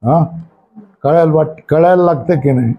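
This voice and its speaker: A man's voice: a little high, moderate pace, lo-fi sound. A man gives a religious discourse, often asking his listeners questions. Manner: asks the listeners questions again and again. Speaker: spiritual teacher.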